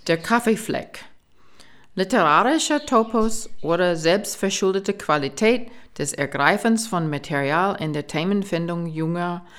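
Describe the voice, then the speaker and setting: A muddled graduate from Texas. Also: female voice, on the low side. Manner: broken German with English bits, earnest listing. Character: naive female graduate from Texas, proud, muddled. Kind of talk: radio play acting.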